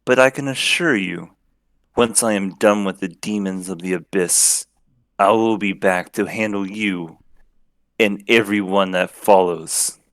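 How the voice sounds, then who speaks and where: Man voicing a larger-than-life accusing goddess, formal and imperious, deep. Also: measured pace, a bit bright, no room sound, clean studio sound. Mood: threatening.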